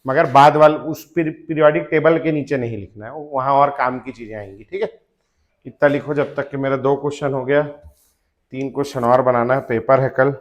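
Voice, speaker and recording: A male teacher giving a classroom chemistry lecture, chanting element names in rhythm and joking with students. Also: a little high. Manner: addresses students as beta, jokes about fathers.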